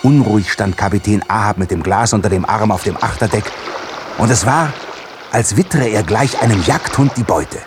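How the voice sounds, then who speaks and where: A man's voice: on the low side, normal speed, over music. A man narrating a scripted seafaring tale as the narrator of an audio drama.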